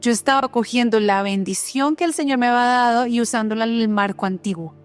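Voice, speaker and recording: A woman's voice: a little high, fairly quick, clear, resonant tone, faint music behind. A woman preaching a sermon, telling a personal testimony earnestly and putting rhetorical questions to her listeners.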